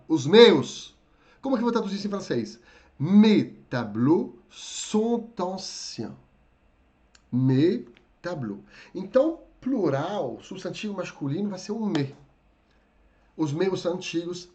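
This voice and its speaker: A man teaching in a live class, his voice a little hoarse from a lingering cough. He talks with a lively, swooping pitch and a fairly high tone, checking in with viewers after every point. The audio sounds dull and lo-fi. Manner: lively, addresses viewers as "gente", frequent "tá?" check-ins. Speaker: French teacher. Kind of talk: live online lesson.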